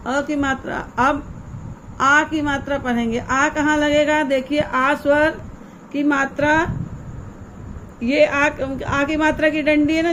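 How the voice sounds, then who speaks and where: A woman's voice: high-pitched, slight background noise, low-quality recording. A woman teacher giving a grammar lesson to young children, explaining patiently and asking the pupils questions.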